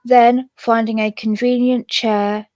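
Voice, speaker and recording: High-voiced woman reading a ghost story. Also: slow, no room sound. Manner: steady reading with self-mocking asides.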